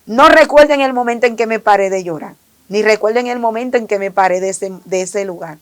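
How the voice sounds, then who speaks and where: A woman's voice: mid-range voice, fairly quick. A woman giving an earnest, emotional personal faith testimony, often repeating her phrases. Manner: earnest, repetitive, emotional retelling. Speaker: testimony giver.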